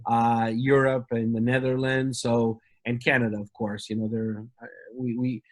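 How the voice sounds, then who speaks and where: A man's voice: medium pitch, flat delivery, normal speed. A man from Argentina, a company representative, talking casually in an interview with many fillers and restarts.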